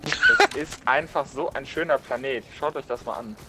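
A man's voice: medium pitch, moderate pace. A man bantering casually as a mock-military teammate in a co-op game. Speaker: co-op gaming teammate. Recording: clear game noise and gunfire behind.

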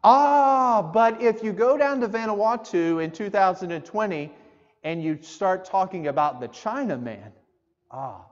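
A man's voice: high voice, expressive, normal speed. A man preaching a sermon in a church, talking conversationally and asking the congregation direct questions. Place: church sanctuary. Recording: muffled church hall with long reverb.

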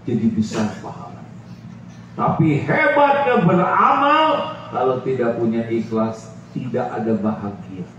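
A middle-aged man giving a lively, joking sermon on an outdoor stage, speaking into a handheld microphone and often asking the crowd questions. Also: a little high, a little hiss or hum. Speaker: preacher. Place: outdoor stage under a tent. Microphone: handheld mic, far camera. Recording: roomy, distant, dull PA sound.

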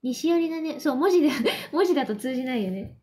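An idol livestream host from Yamanashi, Japan, this young woman chats with viewers quickly and animatedly in a high, mellow voice, with slight background noise. She switches between Mandarin, which she learned as a second language, and Japanese, giggling and reading comments aloud.

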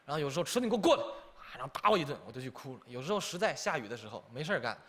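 A man's voice: medium pitch, rapid-fire. A young man doing a stand-up comedy routine, telling stories and often asking the audience to agree. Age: young adult. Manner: lively storytelling, acts out characters, keeps asking the crowd to agree. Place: TV studio stage.

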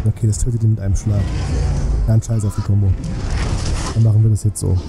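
In a small home streaming room, a man commentates a game on a live stream, talking colloquially and thinking aloud casually with music behind him. His voice is lowish and fast, with little pitch movement.

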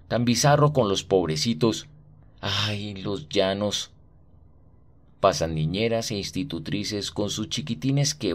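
In a low voice, a man reads a short radio story dramatically and expressively, carefully and steadily shaping every scene.

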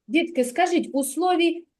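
A woman teaching a literacy lesson to preschool children in a kindergarten classroom, speaking clearly and drawing out words so the children can follow. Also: sits high, slow pace, a little mellow.

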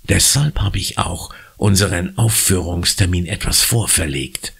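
A man voicing a genial, amused drama teacher in an audiobook, in a measured tone. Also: sits low, vocal fry, a bit bright, husky, exaggerated voice. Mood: praising.

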